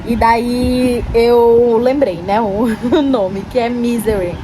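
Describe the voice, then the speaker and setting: A woman's voice: fairly high pitch, fairly even intonation, slow pace, background noise. A Brazilian woman chatting casually as a book vlogger, informal and rambling, often correcting herself. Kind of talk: casual chatty reading vlog.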